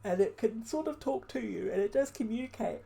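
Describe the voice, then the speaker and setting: A woman's voice: fairly high pitch, lively intonation, brisk, creaky, dark tone. A young woman streaming a solo tabletop game, reading prompt lists aloud and musing at length with many fillers.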